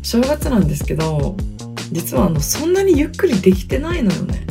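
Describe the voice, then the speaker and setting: Woman, around thirty, from Hokkaido, podcast host, casual solo chat, hushed, lively pitch swings, faint music behind. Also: brisk, vocal fry. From Hokkaido, Japan. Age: 30s. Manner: chatty, self-deprecating, laughs often; speaking quietly on purpose. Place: inside a closet in a wooden apartment studio. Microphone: computer mic in closet.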